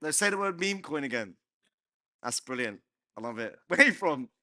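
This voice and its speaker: Male host for a live panel; bright, slightly high voice, dry close mic, playful prodding banter. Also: big pitch swings, normal speed, no echo. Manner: bantering, laughs often, prods guests for questions. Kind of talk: lively panel Q&A chat.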